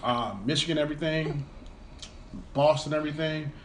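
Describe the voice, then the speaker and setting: A man's voice: a little high, fairly even intonation, moderate pace, slight background noise. A man being interviewed as a guest on a casual podcast, talking in an easygoing, upbeat way. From born in Detroit, family from Alabama. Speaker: comedy promoter, guest.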